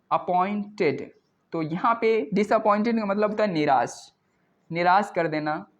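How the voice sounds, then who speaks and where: Man teaching vocabulary, lo-fi. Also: high voice. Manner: repeats words, frequent "thik hai" check-ins. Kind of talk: explaining English words in Hindi.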